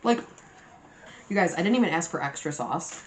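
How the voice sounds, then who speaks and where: This mukbang video host chats casually with viewers as she eats messily, swearing, using slang and performing quotes in her stories. Her voice is on the low side with lively intonation and a moderate pace. The recording is rough, with slight background noise.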